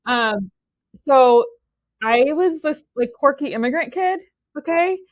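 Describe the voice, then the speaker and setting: An expressive, high-pitched woman talks at a slow pace, with no echo in the recording. In her forties and from Romania, she chats as an interview guest, frequently starting sentences over and tagging them with "okay?".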